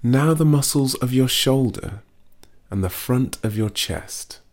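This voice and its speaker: Slow and soothing, a man's mid-range voice reads through a guided muscle relaxation script, offering gentle instructions.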